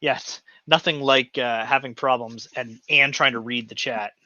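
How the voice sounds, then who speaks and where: A man's voice: mid-range voice, fairly even intonation, measured pace, sharp tone, no echo. A man co-hosting a casual live stream, thinking aloud as he troubleshoots a build. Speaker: livestream co-host building a 3D printer. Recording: dull lo-fi stream audio.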